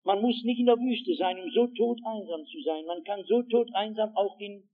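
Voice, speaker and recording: A man's voice: sits high, normal speed. A man preaching a sermon as dramatic storytelling, repeating phrases for effect, on a dull lo-fi recording.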